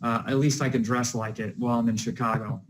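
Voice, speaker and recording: A man's voice: mid-range voice, fairly even intonation, fast, noisy background. A man joking in a laid-back way in a casual online video chat.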